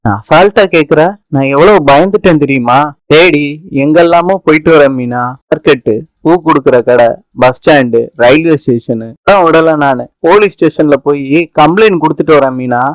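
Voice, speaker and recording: Guy doing a scared young husband, pleading, kinda high, dry mic. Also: normal speed, no room sound, lightly acted, poor audio. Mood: worried. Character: anxious young husband searching for his wife.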